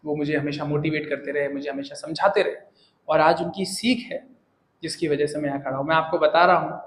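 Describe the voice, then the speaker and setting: A man teaching, giving an earnest, animated motivational talk to his students. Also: fairly high pitch, fairly quick, reverberant, low-quality recording.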